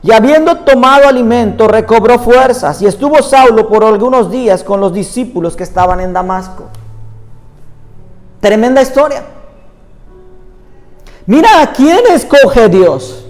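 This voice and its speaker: A man's voice: high voice, normal speed. A man preaching a sermon in Spanish, earnest, reading scripture aloud at length. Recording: reverberant room with soft music behind.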